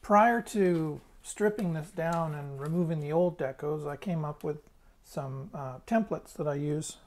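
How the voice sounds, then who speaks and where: A hobbyist restorer presents a tutorial, giving a casual hands-on demonstration while thinking aloud with some hesitation. His voice sits on the high side and his pace is measured.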